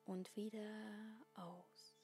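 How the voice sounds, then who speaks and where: A woman leads a breathing meditation in a soft, breathy, half-whispered spa voice of medium pitch. She gives calm instructions with long pauses over soft background music.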